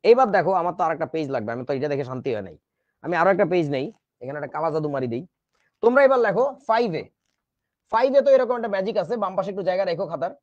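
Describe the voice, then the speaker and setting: In a classroom lecture, a man teaches chemistry, cracking jokes and spelling words out letter by letter. His voice is high-pitched and animated, and he races along. The recording is dull and dry, with no echo.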